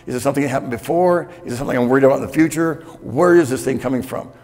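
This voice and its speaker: A man's voice: mid-range voice, rapid-fire, a little mellow. A man in his sixties giving a candid, conversational keynote talk to a conference audience, often checking in with "okay?", on a lapel mic. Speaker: keynote speaker. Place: hotel conference room with audience. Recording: reverberant conference hall.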